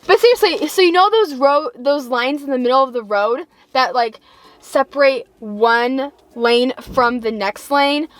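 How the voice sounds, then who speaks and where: A young woman vlogger in a casual, comedic rant to viewers, chatty and animated as she complains with exaggerated emphasis. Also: high voice, a little slow, no room sound. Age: late teens to young adult. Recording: music behind the voice.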